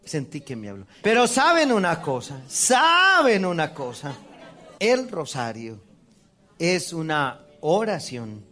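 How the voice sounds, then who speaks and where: This Colombian priest's male voice sits a little high and sounds pushed and bright as he preaches his testimony to a congregation in a Colombian Spanish accent. He narrates it like a story, performing the quotes and laughing at himself.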